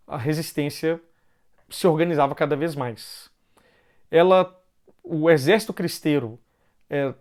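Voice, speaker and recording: A man's voice: a little high, a little mellow. A man with a Brazilian Portuguese accent, giving an informal explanatory talk and often ending phrases with a questioning "né". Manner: loosely paced with pauses and restarts.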